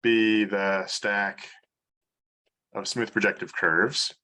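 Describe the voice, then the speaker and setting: Bright-voiced, hesitant male math lecturer. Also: on the low side, fairly even intonation, slow. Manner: hesitant, many fillers and restarts. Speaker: mathematics lecturer. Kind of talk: informal research seminar talk.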